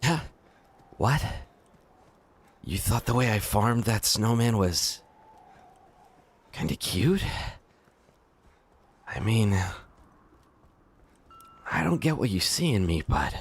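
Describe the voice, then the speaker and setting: A man's voice: fairly low pitch, expressive, slow, pauses often, breathy edge, heavily acted. A man voicing a bashful, self-doubting young anime boy in a raised voice.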